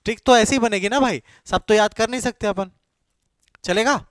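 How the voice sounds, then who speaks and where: Man, coaching teacher, high voice, dry close sound, classroom exam-prep lecture, repeats questions to his students, mixes in English. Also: moderate pace, fairly bright tone, no room sound. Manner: quizzes students with repeated questions, then answers himself.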